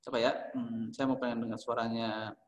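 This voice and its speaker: In a level tone at a medium pitch and moderate pace, a male Indonesian music teacher leads an online lesson with roomy acoustics. He picks students by name, repeats their responses, and clarifies each term.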